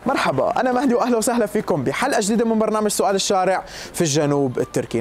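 A man's voice: a little high, darkish tone, slight background noise. A young man hosting a street interview show, teasing and joking affectionately with children at a care center.

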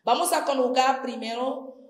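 A woman teaching a distance-learning grammar lesson, slowly and deliberately spelling out each verb form. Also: high voice. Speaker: Spanish teacher. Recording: echoey room.

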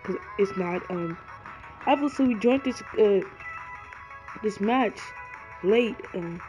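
A man's voice: high-pitched, takes it slowly. A man giving earnest, rambling gameplay commentary from a cold garage, shivering and full of ums and likes. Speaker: gaming YouTuber. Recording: dull lo-fi audio with loud music.

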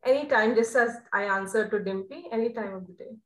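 A woman's voice: on the high side, fairly quick. A woman with an Indian accent giving an informal, instructive online training talk, mixing Hindi and English. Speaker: nutrition trainer giving a session. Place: indoors, video call. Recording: echoey room on video call.

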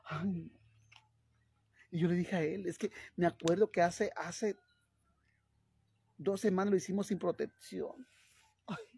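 A man's voice: high-pitched, fairly even intonation, unhurried, vocal fry, pauses often, warm tone, husky, dry recording, exaggerated voice. A man playing a crude, fretful young woman who thinks she is pregnant, sighing and whining in a comedic vlog skit. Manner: whiny, sighing, keeps repeating "ay, hermanas".

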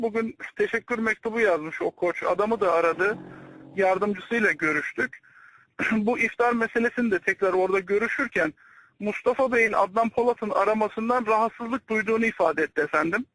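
Man, very high voice, deferential reporting tone, landline phone call, dry sound. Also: a bit bright, dry recording. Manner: speaking over a landline phone; deferential, respectful reporting to a superior. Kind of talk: private phone conversation, reporting. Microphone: telephone line. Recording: secretly recorded phone call.

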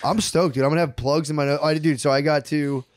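A man's voice: on the high side, steady tone, fast talker, dry recording, studio quality. A man in his thirties co-hosting a podcast, telling loose, profane stories in casual comedic banter. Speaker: podcast co-host.

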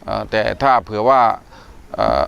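A man's voice: moderate pace, a bit bright, dull audio. A man, a Buddhist monk from northeastern Thailand, hosting a casual religious talk show and telling stories with many "er" fillers. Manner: chatty storyteller, many "er" fillers. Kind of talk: casual discussion on a religious TV program.

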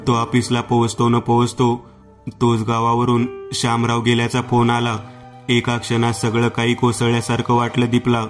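A man with a Marathi accent narrating a horror story in a scripted storytelling style, voicing all the characters himself. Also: medium pitch.

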